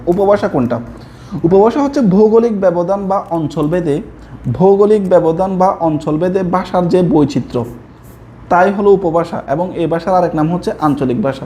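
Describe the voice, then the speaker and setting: Man with chittagonian bengali accent, coaching teacher, slide lesson, fairly high, mellow, faint hiss. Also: a little fast. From Chittagong, Bangladesh. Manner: repeats key answers, addresses students directly. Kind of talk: slide-based exam prep lesson.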